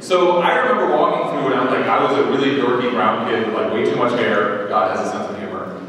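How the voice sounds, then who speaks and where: A man in his thirties from New England gives an animated, self-mocking comic speech at a podium mic. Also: medium pitch, a little fast, very noisy. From New England, United States. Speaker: after-dinner speaker. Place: large hall with painted mural, at a podium. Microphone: podium mic on a stand. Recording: echoey hall from far off.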